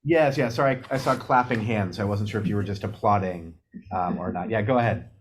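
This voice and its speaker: A man's voice: fairly low pitch, brisk. A man chairing a public meeting, talking in an informal and apologetic way. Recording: echoey meeting room with background noise.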